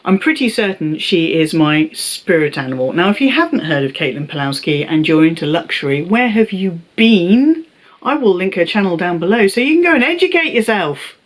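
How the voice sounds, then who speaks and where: A woman's voice: on the low side, big pitch swings, normal speed. A young woman chatting in a bubbly, self-mocking way in an unboxing vlog. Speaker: beauty vlogger.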